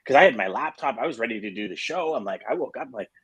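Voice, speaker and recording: A man's voice: mid-range voice, lively intonation, very fast, crowd noise. A middle-aged man hosting a casual morning show, talking in a rambling way with restarts and fillers. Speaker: host.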